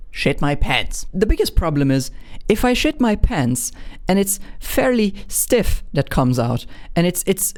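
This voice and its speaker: A young man in his twenties from Hungary with a Hungarian accent, telling an embarrassing personal story in a candid, self-mocking way with frequent restarts. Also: high voice. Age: 20s. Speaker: vlogger.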